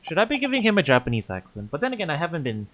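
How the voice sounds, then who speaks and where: A man's voice: fairly high pitch, wildly swooping pitch, very fast, fairly bright tone. A man casually commentating a story game on stream, thinking aloud and often restarting his sentences. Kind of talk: casual let's-play commentary.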